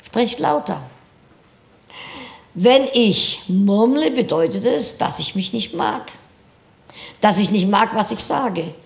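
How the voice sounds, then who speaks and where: A woman voicing an encouraging female schoolteacher who speaks to young pupils in a firm yet warm, coaxing way. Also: mid-range voice, lively intonation, takes it slowly, vocal fry, long pauses, echoey room.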